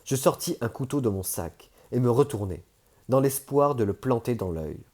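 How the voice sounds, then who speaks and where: A man narrating a first-person novel as an audiobook, measured and steady. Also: medium pitch, breathy edge.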